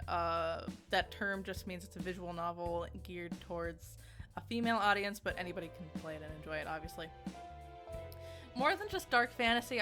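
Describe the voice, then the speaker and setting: A woman who reviews and streams video games gives a casual, chatty review, rambling, cutting herself off and giggling. Her voice is medium-pitched and a bit bright, with background music playing under it.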